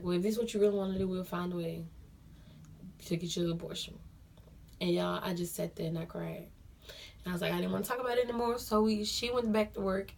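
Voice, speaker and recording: A woman's voice: mid-range voice, creaky, a little mellow. Young woman, casual storytime vlogger, talks straight to viewers, repeats lines for emphasis. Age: young adult. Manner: chatty, addresses viewers as y'all, repeats phrases for emphasis.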